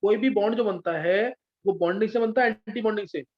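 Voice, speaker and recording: High-voiced male chemistry teacher, lo-fi. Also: fast talker. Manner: patient, checks understanding often. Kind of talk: live online class teaching. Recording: dull lo-fi sound.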